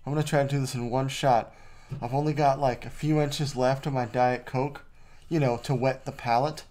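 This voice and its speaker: A man's voice: mid-range voice, fairly even intonation, moderate pace, a little mellow. A man recorded too close to the mic, hosting a casual vlog voice-over in a rambling, jokey way. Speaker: vlog host.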